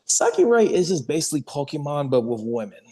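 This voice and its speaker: A man's voice: a little high, very animated, fast, mellow. Young man chatting casually, long reverb. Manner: informal, repeats words as he argues and recommends. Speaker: podcast host. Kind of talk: casual chat. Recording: long reverberant room echo.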